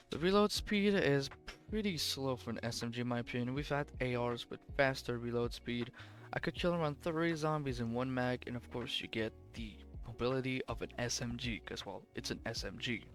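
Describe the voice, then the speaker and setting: A young man with a medium-pitched, slightly bright voice casually ranks game weapons, rambling offhandedly and correcting himself as he goes. He sounds sleepy, his voice worn from a long recording session.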